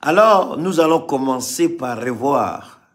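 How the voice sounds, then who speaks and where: Speaking slowly and expressively at a medium pitch, a Malian man delivers fiery political commentary to a live audience. He repeats phrases for emphasis, his volume rising and dropping.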